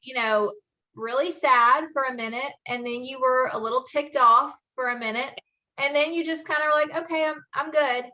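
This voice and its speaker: Bright chatty woman author on a call. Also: sits high, normal speed. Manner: earnest, chatty, full of fillers. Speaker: author hosting a book talk. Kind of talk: casual panel chat. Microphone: video call.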